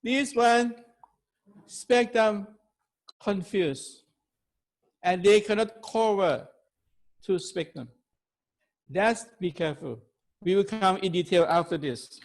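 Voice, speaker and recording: A man with a Thai accent, a native Thai speaker, presenting a technical webinar in halting, broken English. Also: sits high. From Thailand.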